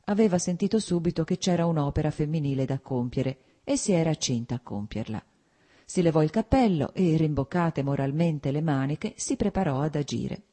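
A woman narrating a classic novel in a measured audiobook reading. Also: sits low, warm tone.

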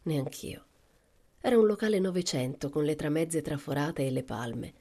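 A woman narrating a novel for an audiobook in a calm, measured way, with soft whispered asides. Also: sits low. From Italy. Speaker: audiobook reader.

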